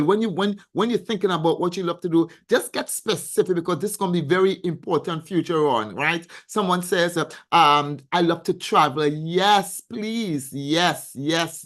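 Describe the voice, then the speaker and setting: A woman financial coach hosting a weekly live stream, reading viewers' comments aloud and answering each one with a stream of yeses and praise. She gets excitable, and her voice leaps upward when she does. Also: sits low. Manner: effusive, showers comments with repeated yeses and praise.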